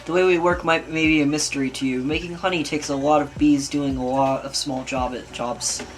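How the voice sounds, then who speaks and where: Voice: mid-range voice, fairly even intonation, a little fast, faint music behind, natural voice. Barry B. Benson, read by someone as an earnest young bee. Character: male bee, earnest and bold. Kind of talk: amateur script reading.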